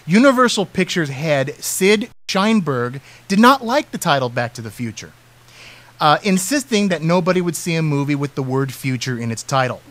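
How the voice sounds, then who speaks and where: Chatty male radio host, slightly high, reading film trivia. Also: big pitch swings, normal speed, a bit bright. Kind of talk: casual movie trivia chat.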